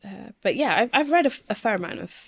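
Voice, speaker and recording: A woman's voice: a little high, expressive, quick pace, slightly rough. A woman, chatting as a podcast guest in a hesitant, thoughtful way. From Swansea, Wales. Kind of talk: casual interview chat.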